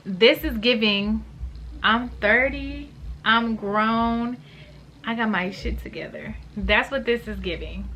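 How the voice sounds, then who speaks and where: A woman's voice: a little high, takes it slowly, sharp tone, lo-fi sound, a little hiss or hum. A woman in her late twenties chatting casually and gushing in slangy terms while reviewing perfumes for her vlog. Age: late 20s. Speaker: beauty vlogger.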